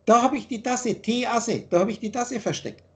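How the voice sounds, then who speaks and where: A man's voice: very high-pitched, moderate pace. A man teaching spiritual ideas over a video call, emphatic and lecturing, often rephrasing his points.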